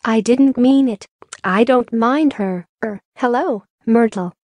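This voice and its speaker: A woman's voice: fairly high pitch, takes it slowly, darkish tone, no echo. A woman narrator voicing an anxious, earnest schoolgirl in a frantic, pleading manner.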